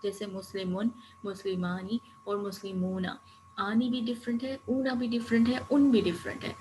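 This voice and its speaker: A woman's voice: mid-range voice, level tone, dark tone, rough recording. Woman teacher explaining grammar step by step. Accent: Pakistani. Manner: explains step by step, repeats word endings slowly, warns students firmly. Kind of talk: recorded online lecture. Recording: faint noise and hum.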